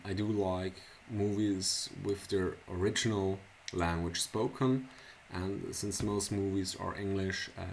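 Seated at a computer in a small indoor room, a man from Switzerland, a native Swiss German speaker, walks through a casual screencast tutorial on software. His very low, deep voice moves slowly and haltingly, pausing for fillers and restarting words, while his desk mic catches soft hiss and keyboard clicks.

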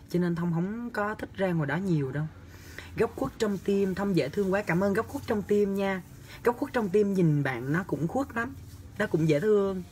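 A man's voice: high-pitched, slight background noise. A young man, chatting on a livestream and answering comments in a campy, teasing way. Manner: chatty, campy and teasing, with lively exaggerated gestures. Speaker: livestream host. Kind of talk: casual livestream chat reading comments. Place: small indoor room. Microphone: phone camera at arm's length.

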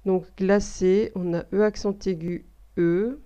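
A woman giving a slow spelling dictation lesson, repeating each word and explaining the grammar step by step. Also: medium pitch, fairly even intonation, warm tone, smooth. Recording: dull lo-fi recording.

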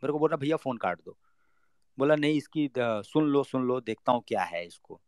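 A young man telling a personal story in a casual talk. He acts out the lines of the people in it and drops to a low murmur for his own thoughts. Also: lively intonation, fast talker, crowd noise.

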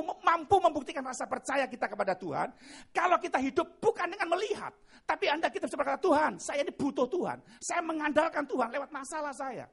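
A male pastor preaching an animated sermon, addressing his congregation directly. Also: very high voice, vocal fry, breathy edge.

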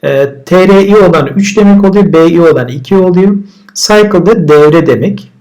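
A man giving a vocabulary lesson at a relaxed, explaining pace. He says each word twice before he translates and explains it. His voice sits a little on the higher side. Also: normal speed. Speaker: English teacher.

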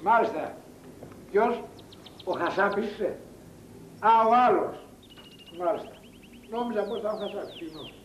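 An actor playing a smooth-talking, scheming professional false witness who haggles persuasively. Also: male voice, sits high, animated, long pauses, slight background noise. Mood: haggling. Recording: roomy 1980s film soundtrack.

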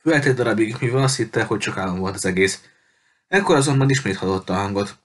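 A man reading a novel chapter aloud in steady, measured narration, with the odd small stumble. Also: lowish voice. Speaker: audiobook reader. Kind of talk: scripted narration.

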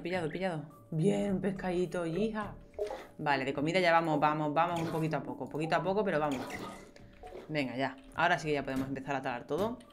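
Chatty young woman gaming. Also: low voice. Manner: chatty, talks to herself and viewers, playful exclamations. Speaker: gameplay streamer. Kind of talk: casual gameplay commentary.

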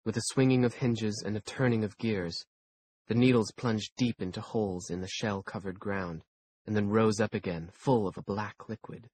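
Low, husky male audiobook narrator. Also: steady tone, a little mellow. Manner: measured, dry storytelling. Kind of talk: first-person audiobook narration.

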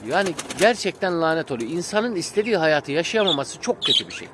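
A man's voice: on the high side, very animated, fast talker, heavy background noise. Frustrated man venting outdoors among pigeons. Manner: venting, frustrated, rambling with fillers. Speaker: pigeon-keeping vlogger. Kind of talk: casual vlog talk to viewers. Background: pigeons cooing and birds chirping.

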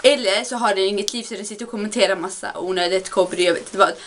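A woman's voice: fairly bright tone, slight background noise. A young woman from Sweden ranting in a casual vlog, exasperated and mocking, recorded on a webcam at home. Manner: exasperated, mocks others in high voices. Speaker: vlogger.

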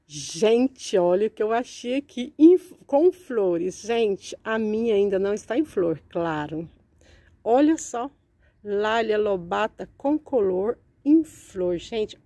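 A woman's voice: on the high side, warm tone, no room sound. Brazilian woman gushing over orchids. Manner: gushing, keeps calling out to viewers. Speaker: orchid vlogger. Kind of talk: casual walk-through vlog. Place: large indoor orchid greenhouse.

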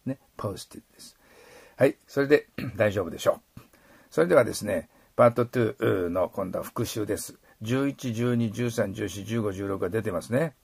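A middle-aged man teaching English pronunciation, modeling sounds and slowly repeating phrases. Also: fairly low pitch, vocal fry, darkish tone, breathy edge, no echo. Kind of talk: explaining pronunciation in a lesson.

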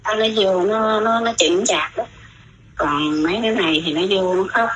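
A woman's voice: medium pitch, moderate pace, a bit bright, a little hiss or hum, poor audio. A middle-aged woman, telling her own story in casual, rambling talk and often repeating her words.

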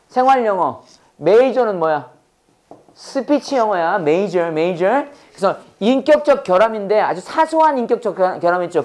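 A man leads an English lesson in a high-pitched, slightly mellow voice, exaggerating his pronunciation. He constantly questions the students, drilling them in call-and-response fashion.

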